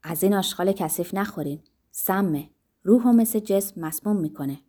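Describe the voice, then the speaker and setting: A woman reading an audiobook, voicing an earnest, defiant young man from outside society whose speech is loud and ringing. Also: medium pitch, natural voice. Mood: impassioned.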